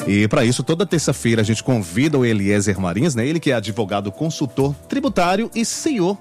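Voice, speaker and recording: A man's voice: medium pitch, big pitch swings, quick pace, darkish tone, faint music behind. A man hosting a morning radio show, introducing the guest and asking questions in an upbeat way. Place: radio studio.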